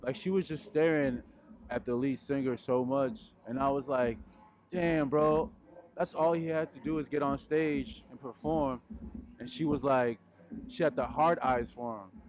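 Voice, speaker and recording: A young adult musician from Peru answers interview questions in a relaxed, unhurried, rambling way, speaking at mid pitch into a handheld mic. He's indoors in front of a wooden wall, laid-back and leaning on frequent fillers.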